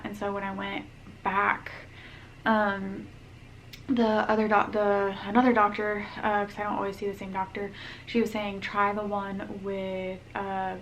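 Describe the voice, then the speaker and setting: A woman's voice: medium pitch, a little hiss or hum. A pregnant young woman giving a casual vlog update, chatty and full of ums and likes, a little out of breath. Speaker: vlogger.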